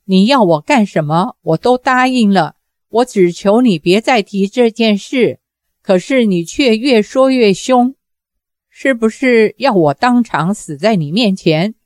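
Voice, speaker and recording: A woman voicing an anguished young male Taoist who pleads with his tormentor, lowering her voice for him. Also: lively intonation, unhurried, darkish tone, no room sound, studio quality, lightly acted. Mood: aggrieved. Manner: desperate, begging, low-voiced.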